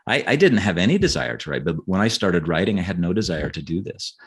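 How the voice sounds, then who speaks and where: A middle-aged author, appearing as a guest in a casual interview, chats earnestly in a low-pitched, sing-song voice with a breathy edge and quick pace. He often repeats words and checks in with "right?".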